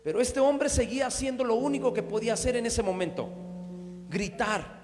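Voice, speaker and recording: A man's voice: very high-pitched, brisk. A man preaching a sermon, often checking in with the congregation. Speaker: pastor. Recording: long hall reverb with faint instrumental music.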